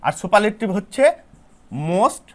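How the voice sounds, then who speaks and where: A man's voice: high-pitched, measured pace, fairly bright tone. A male English teacher from Bangladesh giving an online lesson to students, explaining step by step and spelling words out letter by letter. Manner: addresses students directly, repeats himself.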